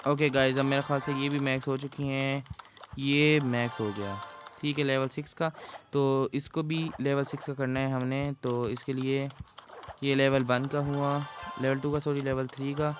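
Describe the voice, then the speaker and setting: A man's voice: mid-range voice, level tone, normal speed, music in the background. A man giving chatty, casual gameplay commentary to his viewers. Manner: chatty, addresses viewers as guys. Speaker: gaming YouTuber.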